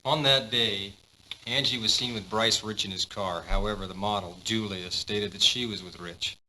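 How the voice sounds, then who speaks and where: Brief: a businesslike male game detective, lowish and very bright, with faint room hiss. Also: steady tone, moderate pace, poor audio. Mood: questioning. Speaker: police detective in a mystery game. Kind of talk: dubbed video game dialogue.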